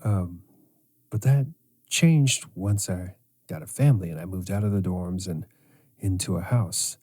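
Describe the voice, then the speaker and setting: A middle-aged man hosting a podcast as a sleep coach, speaking in a slow, measured way. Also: low voice, mellow. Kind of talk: scripted podcast monologue.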